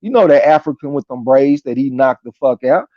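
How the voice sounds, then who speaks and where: A man's voice: medium pitch, brisk, dry recording. A man hosting a live boxing stream in a casual, slangy and profane way, chatting through fight opinions and reading viewer comments aloud. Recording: dull lo-fi audio.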